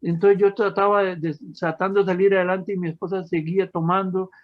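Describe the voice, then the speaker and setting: High-voiced man giving a testimony. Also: level tone, fairly quick. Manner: emotional, storytelling, addresses listeners as friends. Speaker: testimony speaker. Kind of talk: personal testimony to an audience. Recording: dull lo-fi sound.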